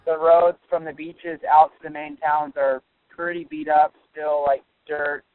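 Over a tinny telephone line with soft background music, a surfer in his twenties from Virginia, USA, appears as a guest and casually tells a story. His voice is a little high with little pitch movement and a measured pace, and he rambles loosely with many restarts.

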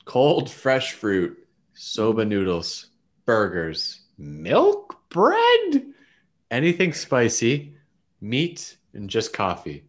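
A man's voice: lowish voice, sing-song, takes it slowly. A man co-hosting a casual podcast, reading out long lists of quiz options and laughing now and then. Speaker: podcast co-host.

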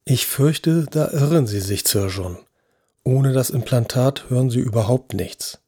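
Man doing a patient doctor voice, soft and soothing, low husky tone. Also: measured pace, no room sound, studio quality. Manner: soft-spoken, reassuring. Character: calm, patient male neurosurgeon. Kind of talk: audio drama acting.

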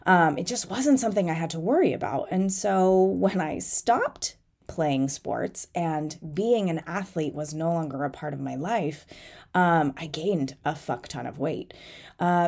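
A woman's voice: deep voice, darkish tone. Nasal, congested woman podcast host. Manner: informal, candid, self-deprecating. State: fighting off a head cold. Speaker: podcast host and fitness coach. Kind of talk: chatty solo podcast monologue.

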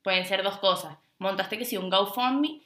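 A woman's voice: mid-range voice, normal speed, fairly bright tone, reverberant. A young woman with a Venezuelan accent co-hosting a podcast in casual chat, teasing and laughing often. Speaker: podcast co-host.

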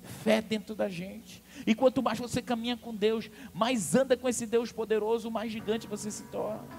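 A male pastor delivers a fervent, dramatic sermon, calling out to his congregation. His voice is high and gravelly, and faint music sits behind him. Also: steady tone, normal speed, darkish tone.

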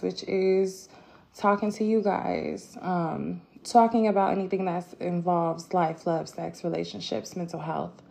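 A woman hosting her own podcast, talking casually and reflectively with many fillers and pauses, candid and personal. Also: mid-range voice, gravelly, mellow. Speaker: podcast host. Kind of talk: casual solo podcast talk.

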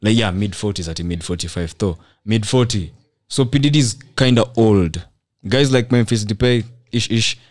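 Young Kenyan man, low-pitched, slangy debater. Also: moderate pace, darkish tone, dry recording. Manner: provocative, repeats himself insistently. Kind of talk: casual debate, slangy Swahili-English code-switching.

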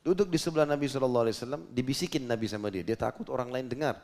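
A man's voice: mid-range voice, racing. A male preacher telling a story in a sermon, acting out the characters and explaining Arabic terms. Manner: lively storyteller who acts out characters and explains Arabic words.

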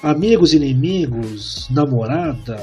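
A man, telling a work story in a casual podcast chat and acting out the dialogue with animated energy. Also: a little high, a little slow, soft background music. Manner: animated, acts out quoted dialogue. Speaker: podcast co-host.

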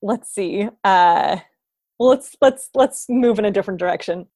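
A woman's voice: medium pitch, normal speed, darkish tone. A woman interviewing a musician, asking curious questions and rephrasing them when she loses her thread.

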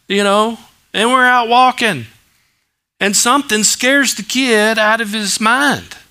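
A man preaches in a relaxed, conversational style, full of everyday stories and asides. His voice is bright and forward and sits a little high for a man. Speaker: pastor. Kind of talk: sermon.

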